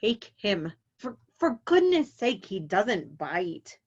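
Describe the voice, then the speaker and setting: A woman reading the part of a calm male therapist who speaks in a patient, reassuring way. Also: mid-range voice, slow. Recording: dull lo-fi audio.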